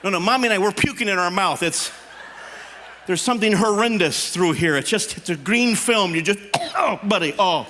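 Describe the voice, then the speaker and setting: Male stand-up comic, fifties, high-pitched, forceful bright tone, animated, teasing, live audience. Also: fairly quick, a little hiss or hum. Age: 50s. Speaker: stand-up comedian. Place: live stage show before an audience.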